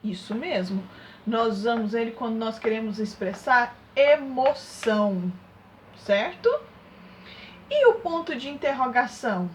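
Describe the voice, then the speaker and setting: A woman teacher speaks to young children in a slow, unhurried sing-song, coaxing them along with constant little check-in questions. Her voice sits on the higher side, patient and carefully paced, as if walking a class through a lesson step by step. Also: expressive, a little hiss or hum. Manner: sing-song, coaxing questions, exaggerated loud demonstration of sounds. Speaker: primary school teacher.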